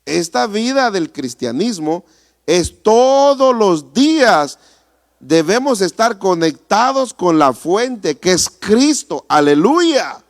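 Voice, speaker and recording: Lively animated preaching pastor. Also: male voice, high voice, takes it slowly. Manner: animated preaching, rhetorical questions to the congregation. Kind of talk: sermon. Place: church.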